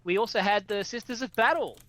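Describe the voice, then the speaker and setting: A man co-hosting a casual podcast, animated and rambling, who swears casually. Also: high voice, quick pace, rough recording. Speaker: podcast co-host.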